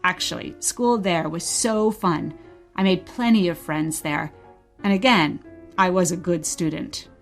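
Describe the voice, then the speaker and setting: A woman in a short radio play plays a wistful mother who fondly recalls exile, telling her story simply as bedtime storytelling. Her voice is on the low side and unhurried, nostalgic in mood, over soft background music.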